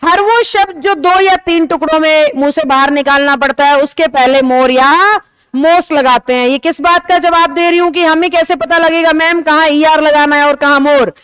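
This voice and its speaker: An English teacher with a high-pitched voice runs a grammar lesson in a classroom with a board, recorded close and dry with no room sound. Her intonation is fairly even and her tone a bit bright as she explains patiently, checks understanding with rhetorical questions, and stretches key example words slowly for emphasis.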